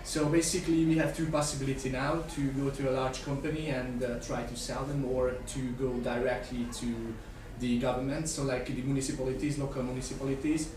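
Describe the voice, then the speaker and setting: A man's voice: medium pitch, little pitch movement, brisk, few pauses. An eighteen-year-old man from Hungary, a student startup founder, asking a hesitant question at a panel in a conference room. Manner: hesitant, many fillers. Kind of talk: spontaneous question at a live panel. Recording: echoey hall, far mic, background noise.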